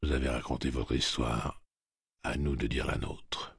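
A man voicing a stern gunslinger who speaks softly but with command. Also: a bass voice, flat delivery, a little slow, husky, dry recording, studio quality, voice pushed down, exaggerated voice. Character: stern, quiet male gunslinger leader.

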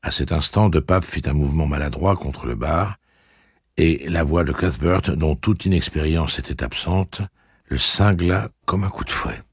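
A man reading a novel aloud with dramatic, lively phrasing and a husky voice. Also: normal speed, no echo. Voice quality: deep gravelly husky voice. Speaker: audiobook narrator. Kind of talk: expressive audiobook reading. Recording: dry close recording.

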